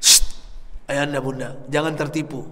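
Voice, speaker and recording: Man preaching a sermon, slightly high voice, calls out to the crowd, big mosque echo. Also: fairly even intonation, moderate pace, creaky. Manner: swings from hushed to loud impassioned cries; calls out to the congregation. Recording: long hall reverb.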